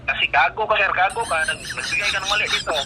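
A man's voice: high-pitched, fast. A man making a scam phone call, repeatedly accusing and insulting the listener. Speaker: scam caller. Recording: noisy phone line.

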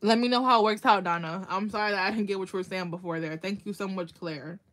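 A woman's voice: medium pitch, fairly even intonation, quick pace, a bit bright. A woman hosting a casual nail art tutorial livestream, chatting with viewers by name and laughing often as she works.

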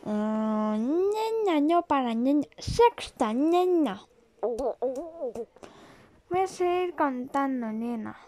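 A woman's voice: high voice, sing-song, very slow, pauses often, a little mellow. A woman from Spain with a Spain Spanish accent, streaming a horror game live and giving jittery, jumpy commentary that hangs a pet word on almost every phrase.

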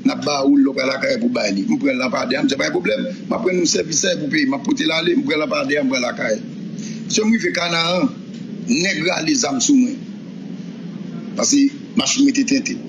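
A man giving an animated account of events, often voicing other people's words. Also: mid-range voice, normal speed, vocal fry. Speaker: person recounting events. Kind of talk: spoken testimony. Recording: dull noisy recording.

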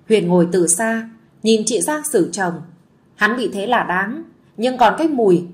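A woman narrating a village story in a gentle, soothing way. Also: a little high.

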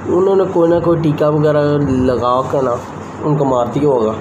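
Fairly high-pitched and moderately paced, a young adult man vlogs in a loose, conversational way, speaking right to a phone camera at arm's length. The setting shifts from a rooftop to a small room. His noisy phone recording has outdoor ambience and the highs cut off.

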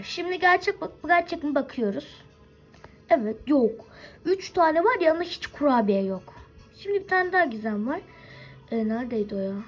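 A woman's voice: sits high, poor audio. A young woman hosting a game video, giving casual play-by-play commentary, chatting to her viewers with forgetful asides. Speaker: gaming video host.

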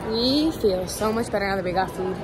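A woman's voice: mid-range voice, a little fast, a loud crowd. A young woman vlogging her trip in casual narration, chatty and often giggling, filmed on a handheld phone. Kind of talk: casual travel vlog narration. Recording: noisy travel background, vehicles.

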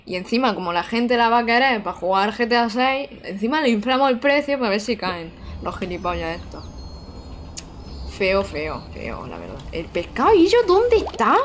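A woman's voice: medium pitch, animated, moderate pace, a little hiss or hum. A young woman chatting casually with her live-stream viewers while playing, frank and swearing casually. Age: young adult.

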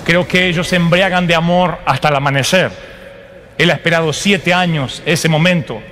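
A man preaching, retelling a story with humor, animated and full of asides to the audience. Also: fairly high pitch, normal speed. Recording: long hall reverb, live sermon.

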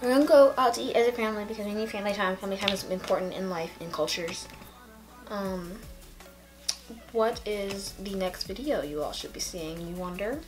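Over music, a young woman vlogs from her home carpet late at night in a brisk, mid-range voice, the camera close at arm's length. She's sleepy, tired, and has a headache. Her talk wanders giddily and rambles across topics.

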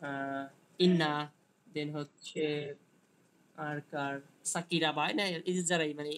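A man giving an online linguistics lecture who explains slowly, reads English passages aloud and answers students by name. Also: fairly high pitch, fairly even intonation, fairly bright tone, smooth. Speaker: teacher.

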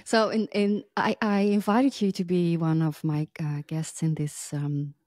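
A woman's voice: on the low side, little pitch movement, a little slow, darkish tone, dry recording. A woman hosting a podcast interview, asking questions with many hesitations and fillers, on a video call through a large studio mic. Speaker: podcast host. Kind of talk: casual interview.

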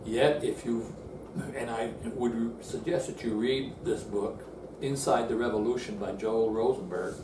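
The recording is roomy, distant and noisy as an older man gives a seated Bible lesson indoors before a screen. His mid-range voice is steady and unhurried, and he works earnestly through verses, often restarting phrases.

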